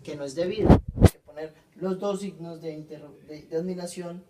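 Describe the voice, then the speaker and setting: Man, class presentation, halting, corrects himself, fairly high voice, distant mic. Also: steady tone, mellow. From Colombia. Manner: halting, frequent self-corrections.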